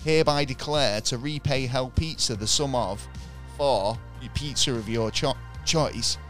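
A man's voice: medium pitch, a little slow, fairly bright tone. A man with a mid-range voice co-hosts a casual podcast, rambling through a jokey story while fighting off hiccups. Faint music plays underneath him. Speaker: podcast co-host. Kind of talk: casual chat.

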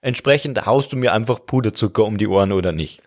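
A man co-hosting a comedic podcast, relaxed and musing. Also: on the low side, fast. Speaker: podcast host. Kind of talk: casual comedic chat.

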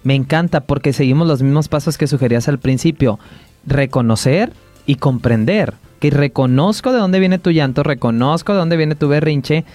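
A man's voice: on the high side, moderate pace, a little mellow, no echo, faint music behind. A man hosting an interview conversation, often agreeing along with the guest and reading out viewer comments. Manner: frequent backchannel agreement, reads out viewer comments. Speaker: host.

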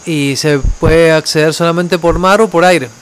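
A young man, telling a travel story in casual chat, animated and repetitive. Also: a little high, moderate pace, clear, resonant tone. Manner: animated, repetitive, quotes others in his own voice.

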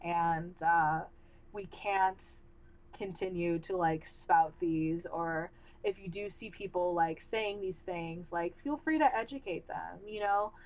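A woman's voice: on the low side, takes it slowly, darkish tone, poor audio. A young woman hosting her own podcast in a casual, candid way, rambling with many fillers and restarts, and her voice is starting to wear out. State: losing her voice. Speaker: podcast host. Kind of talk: casual solo podcast talk.

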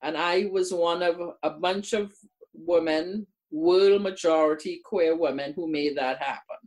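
Her voice is fairly low and a little mellow, and she speaks at a measured pace. This older Trinidad and Tobago woman, a guest who presents community workshops, talks earnestly in casual conversation, repeating words to stress them.

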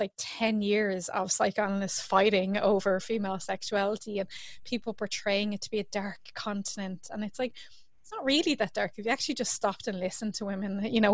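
A woman's voice: medium pitch, no echo. Chatty woman, dry close sound. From Ireland. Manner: chatty, laughing, lots of fillers. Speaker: podcast guest, sex researcher. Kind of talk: casual interview chat.

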